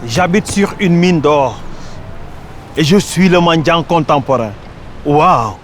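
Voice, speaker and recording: Declaiming phrase by phrase with dramatic pauses, a Casamance-born Senegalese actor performs an animated theatrical monologue. He pitches high for a man and lets his lines settle slowly, with a slight hiss or hum in the recording.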